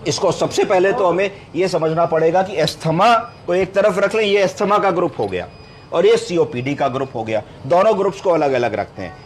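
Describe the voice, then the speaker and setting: A man's voice: high voice, expressive, normal speed, slight background noise. A male doctor teaching clinical medicine step by step, asking questions and then answering them himself, with English medical terms mixed into his speech. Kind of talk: explanatory medical lecture.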